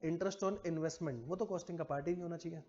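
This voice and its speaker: Fast-talking man teaching a class. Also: on the high side, warm tone, muffled recording, a little hiss or hum. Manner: chatty, teasing, asks the class questions. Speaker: commerce teacher. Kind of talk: classroom lecture.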